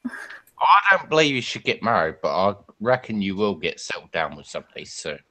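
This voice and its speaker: A man's voice: on the low side, very animated, moderate pace, bright, forceful tone. A man in his thirties joking and teasing in a casual stream chat. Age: 30s. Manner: teasing and playful.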